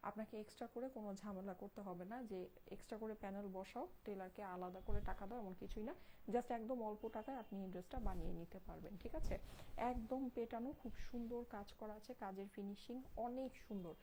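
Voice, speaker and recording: A young Bangladeshi woman talking quietly through a live online clothing sale, showing each dress and repeating her praise while her baby sleeps nearby. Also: medium pitch, fast, slight background noise, poor audio. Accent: Bangladeshi Bengali. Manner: hushed so as not to wake a sleeping child. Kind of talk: Facebook live sales pitch.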